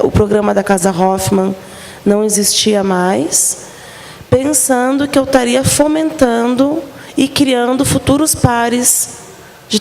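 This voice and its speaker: A woman speaking on a dance panel as an artist and program organizer, reflective and searching for her words. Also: on the high side. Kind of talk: panel discussion. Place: arts center stage. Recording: reverberant hall with faint noise.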